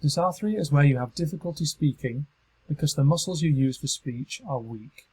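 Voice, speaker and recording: Male narrator, British accent, scripted, measured; slightly raspy tone. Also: a little high, low-quality recording. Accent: British English. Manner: calm, measured instructional delivery. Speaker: training narrator.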